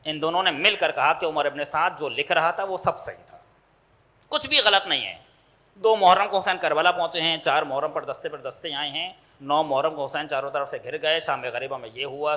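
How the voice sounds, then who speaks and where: Impassioned high bright male preacher. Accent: Pakistani Urdu. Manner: impassioned, rising and slowing for emphasis. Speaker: Shia cleric delivering a majlis. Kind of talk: Urdu sermon with dramatic retelling. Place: large mourning hall.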